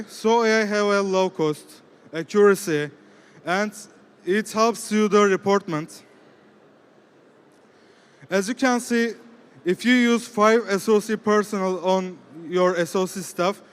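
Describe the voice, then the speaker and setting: A man with a Turkish accent delivering a business pitch in short statements and rhetorical questions. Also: clear, resonant tone. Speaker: team lead presenting.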